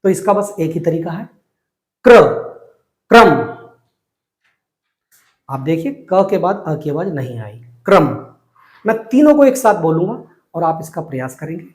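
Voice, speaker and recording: Man, Hindi reading teacher, high voice, slow repetitive drilling, echoey room. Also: big pitch swings, dark tone. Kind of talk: whiteboard reading lesson.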